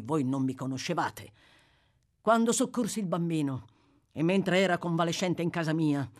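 Voicing a severe old gentleman, a woman speaks low, slow and deliberate, her words carrying a firm, accusatory edge.

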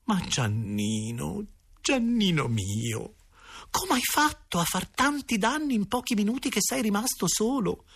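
A man's voice: high-pitched, very animated, unhurried, vocal fry, a bit bright, husky, voice pushed up, heavily acted. A man reading an audiobook, voicing an older sister who scolds in an exasperated, pleading way.

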